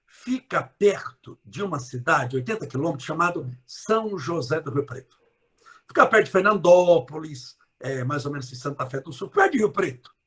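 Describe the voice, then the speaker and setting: A man gives a live motivational talk in a high, strongly swooping voice. He stretches key words for emphasis, breaks into loud bursts, and keeps teasing his listeners with direct questions. His melody rises and falls sharply throughout. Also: lively intonation, moderate pace. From interior of São Paulo state, Brazil. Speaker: motivational speaker.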